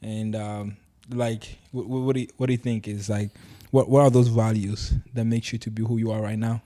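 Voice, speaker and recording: A man's voice: on the low side, flat delivery, moderate pace, mellow. A young man hosting a podcast, asking loose questions with many fillers in casual conversation. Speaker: podcast host.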